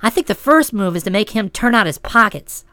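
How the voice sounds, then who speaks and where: A woman's voice: mid-range voice, lively intonation, brisk, pushed and bright, no room sound, pitched below the performer's own voice. A woman voicing a blunt, solid young woman with a dry, matter-of-fact manner in an audiobook. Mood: brusque. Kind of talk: audiobook character voice.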